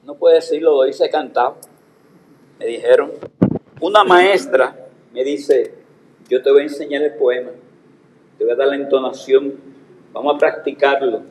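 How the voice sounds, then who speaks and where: A man's voice: mid-range voice, moderate pace, long pauses, reverberant, slight background noise, low-quality recording. Theatrical older Puerto Rican man storytelling. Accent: Puerto Rican Spanish. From Puerto Rico. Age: 80s. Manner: theatrical, declaiming with expressive intonation. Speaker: storyteller and retired theater teacher. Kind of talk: anecdotal storytelling performance with recited poetry.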